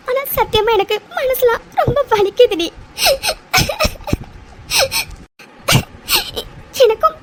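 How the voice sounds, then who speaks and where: A woman voicing a very high gentle cartoon girl. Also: slight background noise. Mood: tearful. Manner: soft, pleading, hesitant self-talk. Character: gentle young woman, orphan, soft-spoken and caring.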